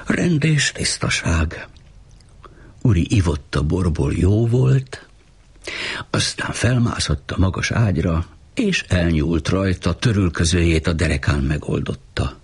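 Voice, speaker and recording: A man reading a novel aloud as an audiobook narrator, with a measured, rhythmic delivery. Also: low-pitched, gravelly, husky.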